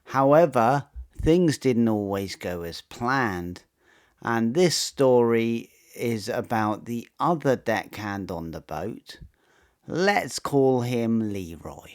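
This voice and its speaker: Male narrator, mid-pitched, crisp and unhurried; measured scripted storytelling. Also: animated. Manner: slow, measured, matter-of-fact storytelling.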